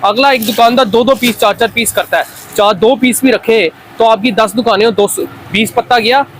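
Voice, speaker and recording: A Pakistani man pitches wholesale goods in a high-set voice. His delivery is an off-the-cuff hard sell that insistently repeats itself. Light urban noise with traffic sits behind him. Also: normal speed, a bit bright. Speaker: wholesale toy seller presenting stock.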